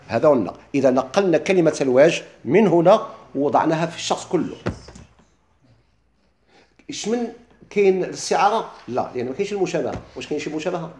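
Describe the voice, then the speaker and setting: A man teaches in a Moroccan accent, firing questions at his listeners and answering them himself. He talks fast, with a voice a little higher than most men's. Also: darkish tone, slight background noise. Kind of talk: lesson on classical Arabic rhetoric.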